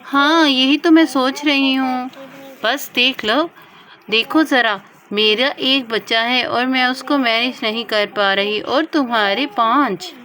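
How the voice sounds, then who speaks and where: A woman voicing a young mother doll who coaxes her daughter out of bed, gently scolding. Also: high voice, slow pace, a little hiss or hum, heavily acted. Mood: complaining. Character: fussing young mother doll, patient and coaxing.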